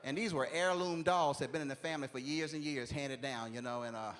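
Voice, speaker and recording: A man's voice: mid-range voice, quick pace, a bit bright. A man in his forties doing stand-up comedy on a church stage, with loose, chatty, streetwise talk and a constant "you know what I'm saying.". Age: 40s. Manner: drawling, streetwise phrasing.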